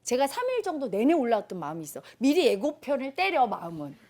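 A woman teaches a gathered group in a high, lively voice that swoops widely. She tells stories and acts out the people in them as she speaks. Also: fast talker. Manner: animated storytelling, acting out quoted people. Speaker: spiritual teacher.

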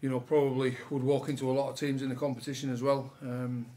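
An English rugby league head coach with a medium-pitched voice answers questions at a post-match press conference. He's relaxed, his halting replies full of fillers and restarts, with a sponsor board behind him in the press room.

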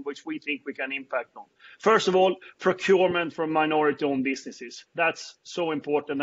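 A middle-aged man with a Swedish accent, hosting a panel on a video call and speaking haltingly with many fillers and restarts. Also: a little high, fairly bright tone. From Sweden. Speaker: panel host. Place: indoors before a branded backdrop. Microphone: earbuds on a video call. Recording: dull lo-fi video-call audio.

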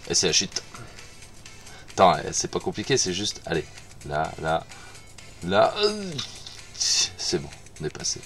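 Low-voiced gamer muttering to himself. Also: male voice, wildly swooping pitch, measured pace, long pauses, a bit bright, faint music behind. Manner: mutters to himself, repeats words, swears when he fails. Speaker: gamer playing on stream. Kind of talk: casual gameplay commentary.

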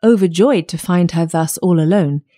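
A woman narrating a fairytale audiobook in a measured storytelling manner. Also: lowish voice, mellow.

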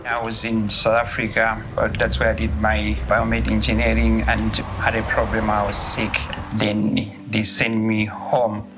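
Low-voiced man, reflective documentary interview. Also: monotone, measured pace, hardly any pauses. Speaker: oxygen lead engineer. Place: indoor room. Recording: interview with music bed behind.

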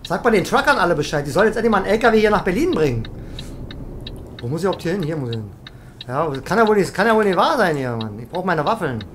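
A gaming streamer plays a truck driving game live, reading chat and teasing her viewers in a rambling, mock-indignant way. Her voice is fairly low and sing-song with a quick pace, and there's a little hiss or hum.

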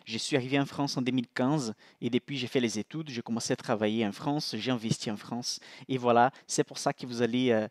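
A man's voice: medium pitch, fairly even intonation, a little fast, hardly any pauses, dry recording, clean studio sound. A man with a Brazilian accent, Portuguese his first language, hosting a live-streamed investing class in a casual, chatty way that keeps checking in with listeners. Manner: chatty, repeats "ok?" and restarts. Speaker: livestream host, financial analyst.

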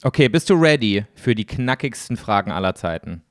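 A man's voice: fairly low pitch, big pitch swings, fairly quick, no room sound, clean studio sound. A young man co-hosting a casual podcast, joking and teasing his co-host in a playful way. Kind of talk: casual chat.

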